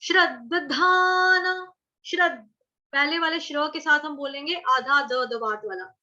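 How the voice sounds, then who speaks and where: A woman teaching Sanskrit verse pronunciation, sounding out syllables slowly and asking and answering her own questions. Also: high voice, bright, forceful tone. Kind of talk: pronunciation lesson, slow syllable-by-syllable chanting. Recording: dull lo-fi recording.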